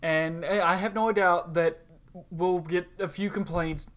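Man, light Southern accent, podcast co-host, fairly high voice, laid-back, agreeable, casual chat. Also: fairly even intonation, takes it slowly, fairly bright tone. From Southern United States. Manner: laid-back and agreeable, with frequent short affirmations.

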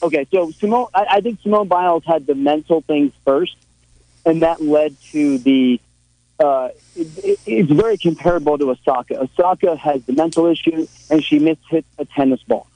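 A man phones in to a talk show over a glitching connection that keeps breaking up. His voice sits a bit high for a man but sounds mellow and dark, with a dry, close sound. He talks in halting bits and repeats himself as the line drops out. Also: dry recording, rough recording. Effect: glitching phone audio that keeps cutting out. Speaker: caller. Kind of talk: call-in radio chat.

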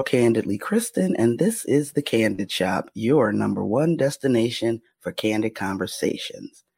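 A female podcast host chats casually in an interview format, her low, raspy voice the kind that gets mistaken for a man's on the phone. Her tone is a little mellow, and the recording is dry.

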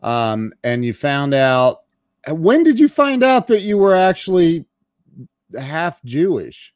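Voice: mid-range voice, sing-song, slow, a little mellow, smooth, no room sound. A podcast host asking questions and giving short reactions in a casual interview.

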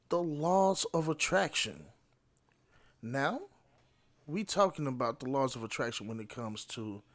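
Guy hosting a chill late night panel, talks real slow, repeats stuff for emphasis. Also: medium pitch. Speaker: podcast host.

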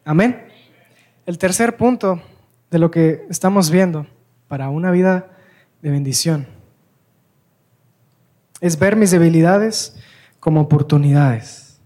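A man's voice: a little high, slow, pauses often. A man preaching a sermon in church, laying out his points earnestly. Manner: earnest, steady point-by-point teaching.

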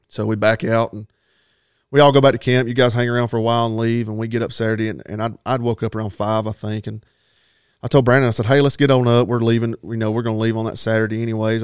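A man casually tells a long hunting story, rambling in a folksy way and laughing at himself now and then. His lowish voice is smooth, captured in clean studio sound with no room echo.

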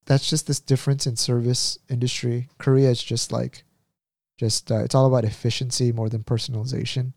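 Mellow-voiced man hosting a podcast. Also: mid-range voice, level tone, a little fast, vocal fry, no room sound, studio quality. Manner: chatty, laughs often, mimics voices. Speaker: podcast host. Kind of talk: casual podcast chat.

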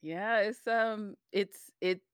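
A woman's voice: mid-range voice, slow pace, clean tone, no echo, dull audio. An American woman in her forties co-hosting a podcast in casual, self-deprecating chat, with a slightly slurred lisp that makes her s sounds slushy. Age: 40s. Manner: chatty, self-deprecating, giggly. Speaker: podcast co-host.

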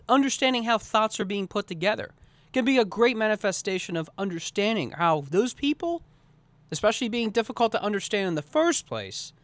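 A man's voice: high voice, fairly bright tone, no echo. A man hosting a solo podcast, talking earnestly in long, winding sentences. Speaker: podcast host. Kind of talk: solo podcast monologue on communication.

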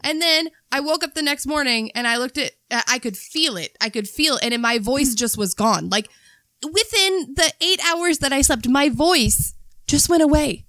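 A woman's voice: sits high, lively intonation, moderate pace, a bit bright, no echo. A woman in her thirties, a podcast co-host in casual chat, telling stories with laughs and swearing. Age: 30s.

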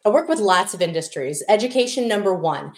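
A woman's voice: mid-range voice, animated, fairly quick. A middle-aged woman with a Wisconsin accent, chatting casually as an interview guest, self-deprecating and often restarting her sentences. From Wisconsin, USA. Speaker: guest, diversity consultant. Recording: echoey room.

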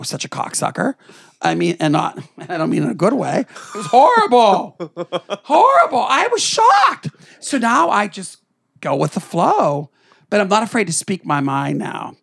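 A man's voice: a little high, gravelly, slightly rough, no room sound. A middle-aged man co-hosting a podcast, telling family stories in a theatrical, blunt and profane way. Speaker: podcast co-host. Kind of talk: candid family storytelling.

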